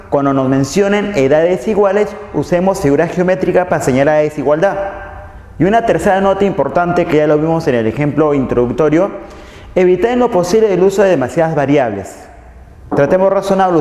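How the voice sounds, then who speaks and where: A man's voice: on the high side, darkish tone. Male math teacher, patient and repetitive, quizzing the class; roomy classroom echo. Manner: patient, repeats key phrases, asks students questions. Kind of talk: recorded math lesson. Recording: echoey room with long reverb.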